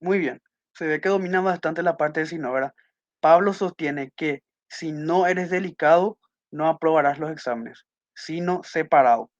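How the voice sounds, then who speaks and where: A man's voice: on the high side, normal speed, no echo. Man teaching with muffled dry audio. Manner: patient, repeats key points with tag questions. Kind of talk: online class explaining test answers.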